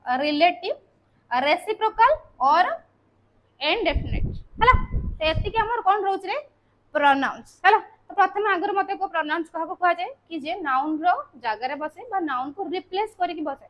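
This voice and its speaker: Heard on a low-quality recording, this female teacher has an extremely high, fairly bright voice and an animated delivery at normal speed. Her grammar lesson moves patiently step by step, key terms come back again and again, and many points end with a tag to check understanding.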